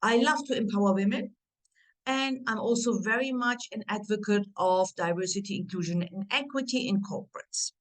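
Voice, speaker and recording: Over a roughly recorded video call, a middle-aged woman of Turkish origin who grew up in Germany speaks in a mid-range voice at a moderate pace. As a career and family coach running an online workshop, she's warm and encouraging and engages her audience.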